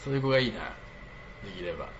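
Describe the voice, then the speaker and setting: A man's voice: lowish voice, animated, rapid-fire, dull audio, slight background noise. A man streaming live in casual chat, blunt and teasing, often breaking into laughter.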